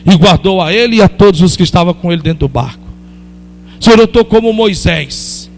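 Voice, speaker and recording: Man, pastor, impassioned sermon, very high-pitched, fervent, loud exclamations. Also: a little fast, a little hiss or hum.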